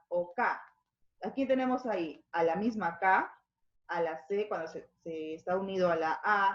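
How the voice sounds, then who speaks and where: Peruvian teacher explaining in an echoey room. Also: female voice, medium pitch, highs cut off. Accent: Peruvian Spanish. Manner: explanatory, checks in with frequent tag questions. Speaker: schoolteacher. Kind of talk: recorded language lesson.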